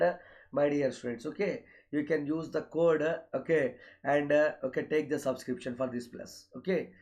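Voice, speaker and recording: A man's voice: a little high, a little mellow. A man with a South Indian accent speaking as an online coaching teacher, announcing courses and schedules and repeatedly addressing his students. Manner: repetitive, often addresses students directly with filler okays.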